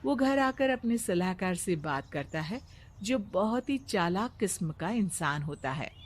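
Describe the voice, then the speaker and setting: Calm woman narrating a children's story. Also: mid-range voice, a little slow.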